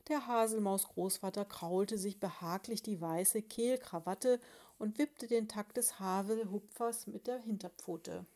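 Brief: woman storyteller, scripted storybook narration, mellow tone, mid pitch. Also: unhurried.

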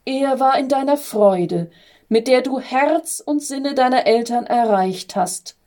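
A woman voicing an old, wise angel who calmly explains, in a storybook reading. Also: sits high, slow. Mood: gentle. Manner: calm, explaining.

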